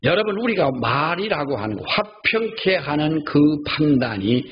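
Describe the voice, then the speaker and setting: An older pastor with a rather high, sing-song voice preaches a sermon in church at a moderate pace. He tells stories and repeats key phrases for emphasis. The recording is slightly dull, with faint background noise.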